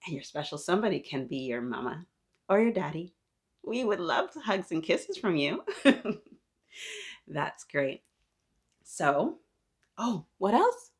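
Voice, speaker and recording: Very animated yet slow, with long pauses, her lowish voice is slightly rough. She's a woman in her thirties running a children's storytime, reading aloud with expression and talking with her young audience as if they answer.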